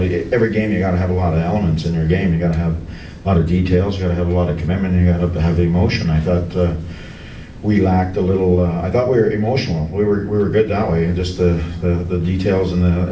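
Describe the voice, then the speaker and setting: Low flat-voiced coach in an echoey press room. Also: male voice. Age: middle-aged. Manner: halting, many restarts and fillers. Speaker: hockey coach. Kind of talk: post-game press conference. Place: press room in front of a team backdrop. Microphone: table mic on a stand, heard from a camera farther off. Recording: echoey room, distant camera, background noise.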